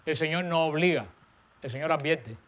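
Speaking at a moderate pace, a preacher emphasizes important words in his sermon, and his voice sinks low and gentle at the close of phrases.

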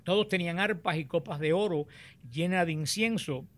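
A man teaching on the Bible, explaining and reading scripture aloud in a deliberate, explanatory way. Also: sits high.

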